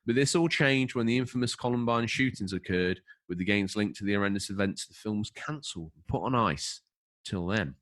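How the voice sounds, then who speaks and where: Man, podcast co-host, low voice, emphatic and jokey, reads from a script. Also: fairly quick, a bit bright. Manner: jokey, emphatic, stumbles over names. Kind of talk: casual podcast chat, reading a script.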